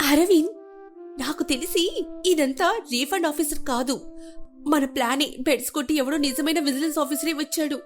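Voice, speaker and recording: A woman voicing a nervous young daughter-in-law in an animated family story. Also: high voice, moderate pace, soft background music, voice pushed up, lightly acted. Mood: worried.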